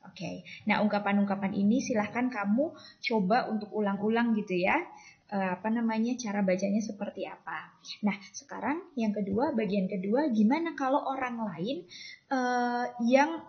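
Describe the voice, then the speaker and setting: A woman English teacher who explains in a mix of languages and repeats each English phrase slowly for learners to copy. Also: mid-range voice, dull audio. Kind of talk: classroom explanation with drilled pronunciation.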